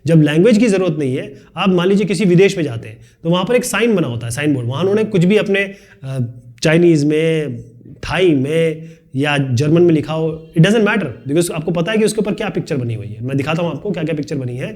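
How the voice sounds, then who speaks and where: Quick-talking man teaching, high voice. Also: expressive, a little mellow. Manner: quick, chatty, explains with everyday examples and asides. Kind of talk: fast-paced Hindi tutorial lecture.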